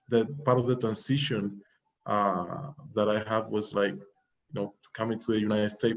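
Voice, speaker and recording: Cuban-born man, earnest and halting, on a muffled line. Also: mid-range voice, darkish tone. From Cuba. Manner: earnest, halting, many fillers. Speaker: guest musician. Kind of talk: interview answers. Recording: muffled lo-fi call audio.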